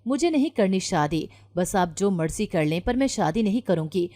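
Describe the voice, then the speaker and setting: A woman narrator voicing an anxious but defiant young unmarried daughter in a storybook reading, insistent and sharp-tongued. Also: mid-range voice, expressive, natural voice. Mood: angry. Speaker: daughter in a read-aloud story.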